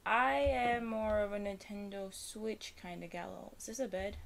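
A woman's voice: mid-range voice, steady tone, measured pace, vocal fry, a little hiss or hum. A young woman giving casual, self-deprecating commentary while playing a game, chatty and nervous. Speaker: gaming streamer. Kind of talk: casual let's-play commentary.

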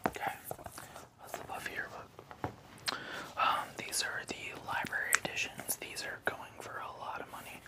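In a small indoor living room, a man in his thirties shows his collection for an ASMR video, whispering near the microphone in relaxed, excited fan talk. His speed is normal, though he pauses often.

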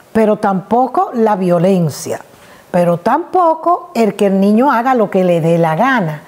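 An older woman psychologist giving casual parenting advice, telling stories with lively acted voices. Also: a little high. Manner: lively storytelling, acts out voices. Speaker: psychologist and host. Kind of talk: casual advice talk with anecdotes.

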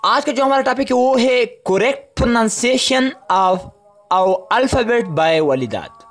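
Man, Pakistani Urdu accent, English teacher, casual lesson, chatty, repeats letters slowly. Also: very high-pitched, animated, a bit bright, soft background music. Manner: addresses viewers as friends, chatty.

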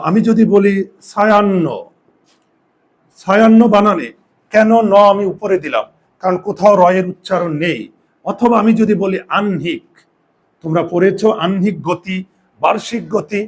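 A high voice belongs to this male Bengali grammar teacher, who gives his class a spelling lesson, breaking it into steps and answering his own questions as the students listen.

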